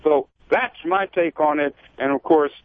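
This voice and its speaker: A man's voice: fairly high pitch, unhurried, no room sound. A man giving impassioned, emphatic and indignant commentary on a political talk radio show. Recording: tinny dry phone line.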